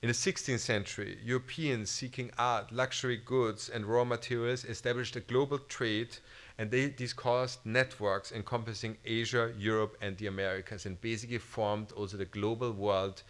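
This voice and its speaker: The speaker is a museum director in middle age with an Austrian German accent, welcoming guests formally from a lectern microphone on a brightly lit auditorium stage. His medium-pitched voice is steady and a bit bright at a normal speed, though he frequently hesitates and starts over.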